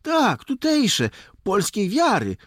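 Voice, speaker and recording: A man reading aloud voices a gruff young peasant lad in a storybook, blunt and grumbling. The voice sits well above the reader's own, slow and husky. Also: high-pitched, huge pitch swings, a bit bright, no echo, studio quality, voice pushed up, exaggerated voice. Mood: proud.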